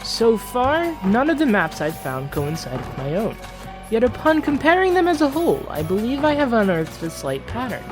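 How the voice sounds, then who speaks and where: A fan voice actor plays Prince Johannes, the proud, haughty and entitled eldest royal son on a quest, in a dramatic fantasy journal narration for a fan dub. His medium-pitched voice is close to everyday speech, but the delivery is theatrical, formal and very expressive, with a wary, puzzled mood. Soft music plays underneath.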